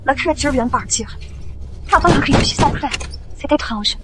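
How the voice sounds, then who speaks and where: High-voiced wary child, played by a woman. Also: animated, moderate pace. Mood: suspicious. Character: wary, sceptical older child of hunter. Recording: clear background noise.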